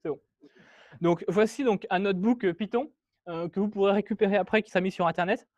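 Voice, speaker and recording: Speaking high and quickly in a darkish tone, a meetup speaker steps through code during a technical talk, full of fillers and false starts. It was recorded in a meetup room, yet there is no room sound, and the top end is cut off.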